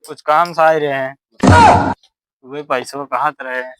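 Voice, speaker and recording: A man's voice: medium pitch, steady tone, moderate pace, very noisy, lightly acted. A man playing an insistent village lender chasing his money in a comedy sketch, with an Awadhi accent. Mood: questioning. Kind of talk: rural comedy sketch acting.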